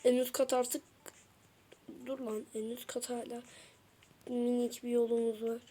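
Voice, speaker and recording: A woman narrates her game in a high voice, chatting to viewers in loose slang. She draws her words out slowly and repeats phrases again and again as she reacts. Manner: excitable, repeats phrases in bursts; slangy casual talk to viewers. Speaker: gamer. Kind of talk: let's play commentary.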